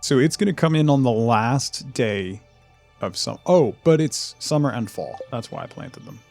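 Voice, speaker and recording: Male streamer, young adult, gravelly mid-pitched voice, casual chatty delivery. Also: animated, moderate pace, darkish tone, soft background music. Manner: chatty, reads and answers chat, laughs often. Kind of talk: casual live-stream chat while gaming.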